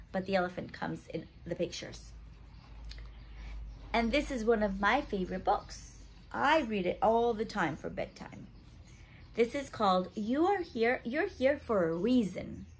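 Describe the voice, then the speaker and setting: A faint hiss or hum accompanies a medium-pitched woman's voice. She's in her thirties, at home in a small indoor room, hosting story time for little ones with expressive, simple speech directed at a child and peppered with questions.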